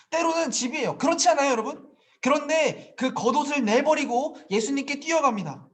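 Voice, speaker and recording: A man preaching an earnest sermon to a church youth group, often asking the listeners questions. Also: extremely high pitch. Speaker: youth pastor.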